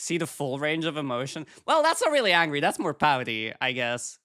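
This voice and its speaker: A woman's voice: low voice, big pitch swings, brisk, a bit bright, no echo, studio quality. A woman with a cute, cheery anime-streamer delivery, chatting casually with viewers on a livestream as a VTuber.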